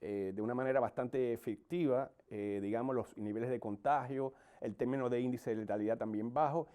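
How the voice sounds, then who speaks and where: A male expert guest with a Cuban Caribbean Spanish accent answers interview questions analytically. His voice is mellow and relaxed, at a middling pitch. He explains formally, stressing important words. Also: fairly quick, clean tone. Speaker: guest economist and academic.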